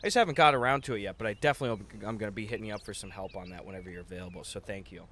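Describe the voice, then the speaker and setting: A young adult man hosts a gaming livestream from an indoor streaming setup, chatting casually and reading viewer messages aloud. His voice is fairly low, very fast and fairly bright, yet a little tired and worn-down, and he's slangy, jokey and profane, often saying "dude" and "bro". There's a little hiss or hum.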